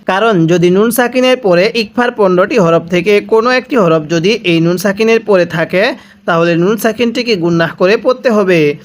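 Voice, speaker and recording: A man teaching Quran reading, drawing out each recited word slowly and repeating it for learners to follow, with brisk explanations in between. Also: sits high. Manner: drawn-out chanted recitation between quick explanations. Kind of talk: slow spelled-out recitation lesson.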